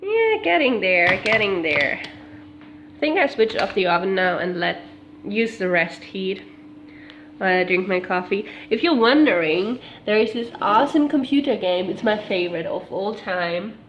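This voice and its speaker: A woman whose first language is German rambles through a casual home vlog, chatty and breaking off mid-thought. Her voice sits at an ordinary middle pitch. The room is echoey, with faint background noise. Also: animated, normal speed. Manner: chatty, rambling, self-interrupting. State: sick. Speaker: vlogger.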